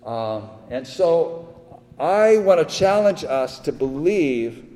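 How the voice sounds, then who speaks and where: An older male pastor preaches slowly in a mellow, slightly raised voice, wandering through his points with plenty of ums and then swelling into emphatic declarations. His voice rings through a church hall with a long, roomy reverb. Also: fairly high pitch, very animated. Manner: rambling, halting with many fillers, rising to emphatic peaks. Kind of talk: sermon.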